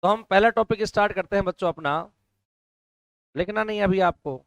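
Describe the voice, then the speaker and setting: A male teacher with a hoarse throat, lecturing a classroom and loudly quizzing the students to answer together. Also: high-pitched, fairly quick, no echo. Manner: loud call-and-response questioning of students.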